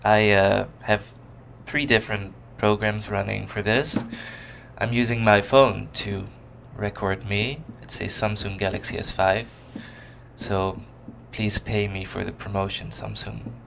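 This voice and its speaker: Here a man from the Netherlands, Dutch accent audible, offers laid-back commentary on his own play, rambling and pausing to find words. His lowish, slightly bright voice is flat and measured, with vocal fry. A desk mic records him on a computer while game music runs under slight background noise.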